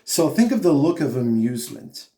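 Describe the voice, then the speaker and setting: A man's voice: medium pitch, very animated, normal speed, creaky, mellow, roomy sound. A man teaching singing, giving patient step-by-step instruction with short hummed and sung examples. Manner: patient, explanatory, with sung demonstration notes. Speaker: vocal coach. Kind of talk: singing lesson, spoken instruction.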